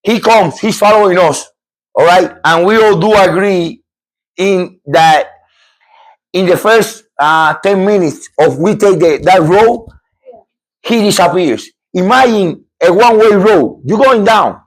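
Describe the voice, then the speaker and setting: The audio is poor as a middle-aged man from Cuba, whose voice sits slightly high for a man, tells a frightening true story on his podcast. Unhurried yet animated, he repeats himself and restarts sentences with emphatic energy while building his point.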